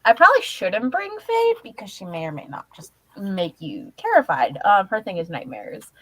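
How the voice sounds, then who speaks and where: A woman's voice: mid-range voice, wildly swooping pitch, normal speed, dry recording, poor audio. A woman cosplayer answering questions in character on a livestream, rambling with lots of fillers and hesitations. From Australia.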